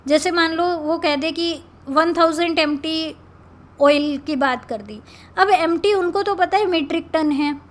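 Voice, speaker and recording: A woman's voice: extremely high pitch, unhurried. A woman teacher giving a classroom lecture, explaining step by step and asking and answering her own questions.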